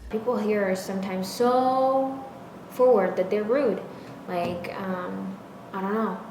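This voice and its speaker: A woman's voice: mid-range voice, steady tone, slow pace. Young woman in a roomy noisy space. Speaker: international student. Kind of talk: interview testimony. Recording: roomy with background noise.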